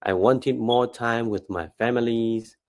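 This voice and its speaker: A man giving a steady, earnest personal testimonial. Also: mid-range voice, unhurried.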